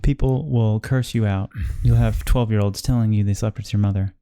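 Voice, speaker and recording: A man's voice: fairly low pitch, fairly even intonation, a little fast, warm tone, smooth, no room sound. A young man co-hosting a comedy podcast, laid-back, cracking dry sarcastic jokes in casual chat. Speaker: podcast co-host.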